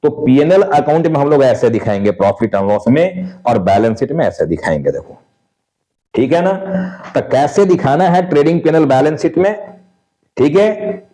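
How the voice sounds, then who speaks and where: A man's voice: mid-range voice, mellow, poor audio. A man teaching an accounts lesson, explaining step by step and answering his own questions for the students. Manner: often says "dekho" and "theek hai" to check on students. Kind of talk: explanatory lecture.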